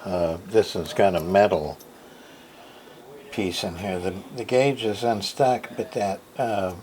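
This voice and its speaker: Deep, slow, and a little mellow, this man's voice comes with slight background noise. He's a weary hobbyist who fixes radios, giving a casual show-and-tell of an old set at his home workbench while thinking out loud through fillers and restarts.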